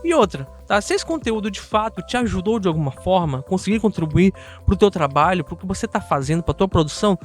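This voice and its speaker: A man's voice: high-pitched, very animated, a little fast, faint music behind. A man with a Brazilian Portuguese accent hosting a casual video tutorial, chatting straight to viewers and often checking in with short tag questions. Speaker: host of an audio software tutorial channel.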